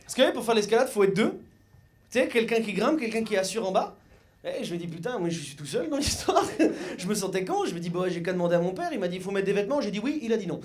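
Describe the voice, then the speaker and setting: High-voiced young man doing stand-up. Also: fast, background noise. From Mayenne, France. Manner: lively, joking, acts out voices of others. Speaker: stand-up comedian. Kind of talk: stand-up comedy. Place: comedy club stage before an audience. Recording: live club recording with audience laughter.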